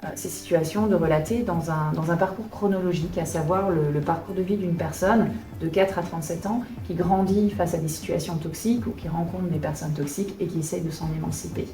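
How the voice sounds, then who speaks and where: Singer lady in her late 30s, low mellow voice, far off the mic, echoey hall, earnest and thoughtful. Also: fairly quick, hardly any pauses. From Alsace, France. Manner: earnest, thoughtful, searching for words. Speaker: singer-songwriter. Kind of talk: interview answers. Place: concert venue. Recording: echoey room, voice from a distance.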